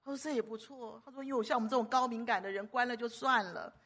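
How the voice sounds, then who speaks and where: A woman preacher delivering a sermon, emphatic and animated, often stumbling and repeating words. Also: on the high side, quick pace.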